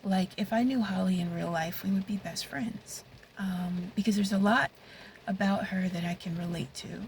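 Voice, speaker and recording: A woman sits in a parked car and talks casually to her camera about her writing. She rambles, thinks aloud and restarts her sentences, her voice at an ordinary middle pitch. Faint rain drums on the car roof behind her. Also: steady tone, normal speed, darkish tone, a little hiss or hum, poor audio. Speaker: romance author. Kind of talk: casual vlog monologue. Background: rain falling on the car.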